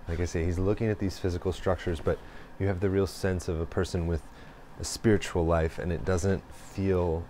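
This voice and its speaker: Low-voiced guy thinking out loud, slow and rambling, lots of ums, bit of hiss behind. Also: level tone. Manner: slow and meandering, with many pauses and fillers. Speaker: host. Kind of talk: reflective spoken monologue.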